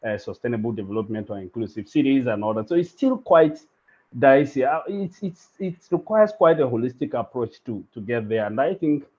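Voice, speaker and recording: A man speaking as a panelist in a webinar, halting and often rephrasing as he goes. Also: mid-range voice, lively intonation, a little mellow, breathy edge. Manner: halting, circling back to rephrase. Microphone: video call. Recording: lo-fi call audio.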